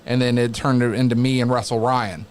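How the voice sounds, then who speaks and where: A man who works as a wrestling announcer, chatting casually as an interview guest in a halting, reflective way. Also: medium pitch, flat delivery, a little hiss or hum.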